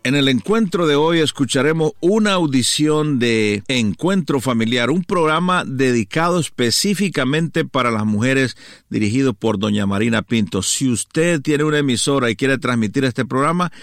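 A man's voice: medium pitch, animated, moderate pace, no echo, studio quality. A man hosting a radio program, reading a solemn, scripted introduction. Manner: solemn, read-out delivery. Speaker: radio host.

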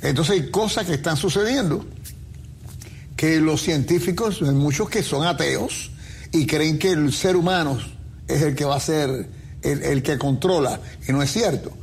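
Man preaching on a faith q&a show, kinda high voice, faint hum behind. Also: a little slow, a little mellow. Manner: preachy, uses everyday comparisons. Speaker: pastor co-host. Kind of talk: faith talk show answering questions.

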